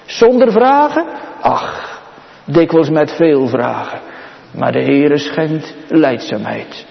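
A male pastor preaching a sermon in a slow, solemn way, lifting his voice sharply on questions. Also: a little high, animated, gravelly. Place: church. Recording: muffled, with long church reverb.

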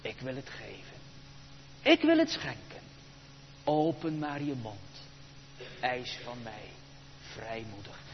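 A man's voice: on the high side, big pitch swings, slow pace, long reverb tail, highs cut off, slight background noise. A man preaching in a sermon, quoting the words of God calling and sending out. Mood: solemn. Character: God calling, solemn and inviting.

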